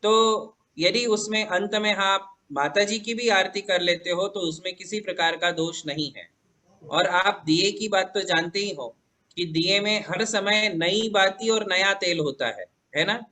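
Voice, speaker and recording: A man's voice: sits high, measured pace, sharp tone. A man, a Jain monk, answering devotees' questions in a patient, reassuring, explanatory way. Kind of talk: religious question-and-answer teaching.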